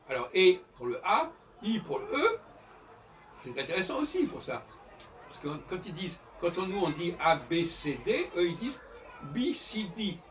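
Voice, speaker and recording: A man giving an informal lecture as host of his own channel, explaining in a professorial way and spelling out examples letter by letter. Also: on the high side. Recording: distant mic with faint background noise.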